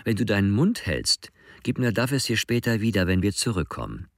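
A man's voice: fairly low pitch, very animated, fairly quick, no room sound, clean studio sound. A man reading an audiobook, voicing an aggressive teenage bully who talks in a scornful, threatening way.

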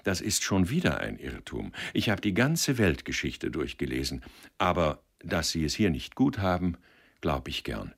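A man's voice: extremely low pitch, very animated, moderate pace, vocal fry, husky, heavily acted. A man playing an earnest, reproachful young actor. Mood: dry. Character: firm, principled young male actor defending his director.

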